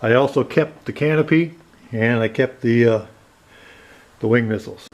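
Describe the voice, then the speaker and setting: A man's voice: mid-range voice, moderate pace, a little mellow. A man giving a casual tour of his basement workshop and talking through a model plane rebuild, rambling and correcting himself as he goes. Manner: rambling, self-correcting, matter-of-fact. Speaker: RC plane hobbyist.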